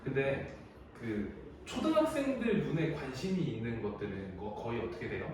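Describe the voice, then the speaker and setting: Young male teacher, casual and chatty, animated delivery, distant mic, very echoey room. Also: medium pitch, moderate pace, noisy background. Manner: chatty storytelling, lively, laughs often. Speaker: high school English teacher. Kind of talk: casual classroom lecture.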